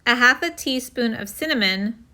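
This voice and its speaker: A woman's voice: on the high side, expressive, moderate pace, pushed and bright. A woman hosting a home cooking video, talking through a recipe step by step in a casual, friendly way.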